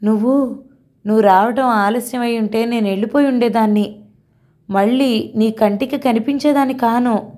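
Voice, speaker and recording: A woman voicing an overwhelmed young bride, speaking higher and slower than her narration. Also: dark tone, close to an everyday voice.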